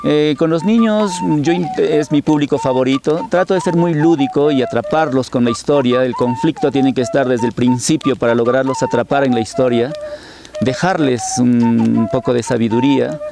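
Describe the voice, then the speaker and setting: A man's voice: medium pitch, moderate pace, gravelly, music in the background. A man from Huancayo, a storyteller and teacher speaking animatedly in an interview. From Peru, Huancayo. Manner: animated, lively storyteller delivery.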